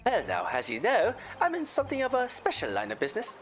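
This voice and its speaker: Lilting, animated Irish moneylender. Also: male voice, sits high, quick pace, soft background music, pitched above the performer's own voice, full character voice. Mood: slyly genial. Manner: lilting, folksy, theatrical. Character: folksy, smooth-talking Irish moneylender, genial male witness. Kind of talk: voiced reading of game dialogue.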